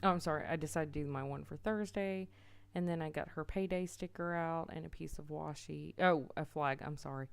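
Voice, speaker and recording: A young planner vlogger narrates her planner decorating in a voiceover recorded on a voiceover mic, sounding casual, chatty, apologetic and self-deprecating. Her voice is low, brisk, creaky and smooth.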